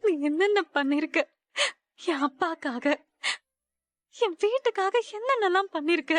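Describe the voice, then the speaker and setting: A woman's voice: very high-pitched, lively intonation, measured pace, no echo. An actress in a TV serial playing a young wife who apologizes to her husband through tears. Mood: remorseful. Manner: tearful, apologetic. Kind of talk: Tamil TV serial acting.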